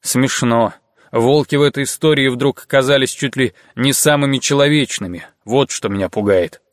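A man reading an audiobook and voicing a grim, earnest young male soldier who speaks in a measured way. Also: medium pitch, dry recording, studio quality, lightly acted.

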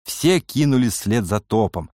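A man reads a storybook aloud in an even, measured narrating voice. His pitch is on the low side, and the sound is close and dry, with almost no room echo. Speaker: audiobook narrator. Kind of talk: scripted narration.

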